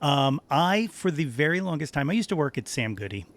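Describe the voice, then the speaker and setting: A man hosting a casual podcast interview, talking eagerly and haltingly as a fan. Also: on the high side, very animated. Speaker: podcast host.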